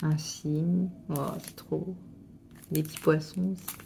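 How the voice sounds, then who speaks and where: A middle-aged woman gushing excitedly as she unboxes a craft parcel, with stumbling restarts. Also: low-pitched, unhurried, vocal fry, a little hiss or hum. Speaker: crafting vlogger. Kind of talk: casual unboxing chat.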